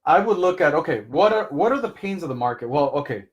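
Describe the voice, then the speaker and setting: A man's voice: on the high side, animated, fast talker, dull audio. A man giving business advice in a live coaching session, talking casually, explaining through personal examples and often checking in with "right?". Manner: conversational, keeps checking in with "right?".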